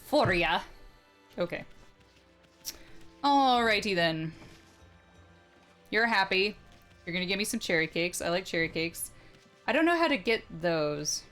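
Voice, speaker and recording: A woman's voice: medium pitch, very animated, measured pace, pauses often, a bit bright. A young woman streamer chatting casually and joking at herself during a let's-play live stream. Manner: chatty, giggly, self-mocking. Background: game music.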